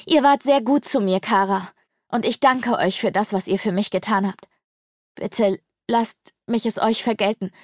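A woman's voice: mid-range voice, moderate pace, dry recording, clean studio sound, close to an everyday voice. A woman voicing a loyal, timid young female servant who speaks humbly and pleadingly, in an audiobook.

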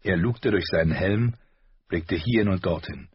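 A man reading a fantasy novel aloud as a narrator, unhurried and expressive. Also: low-pitched, slightly rough, no room sound, dull audio. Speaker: audiobook narrator. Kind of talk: scripted storybook narration.

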